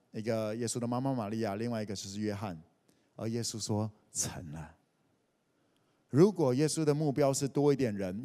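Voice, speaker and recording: A man preaching a sermon as a pastor, animated, acting out the voices in his stories and often dropping "OK". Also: mid-range voice. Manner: animated, acts out quoted voices, frequent "OK". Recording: long reverb of a hall.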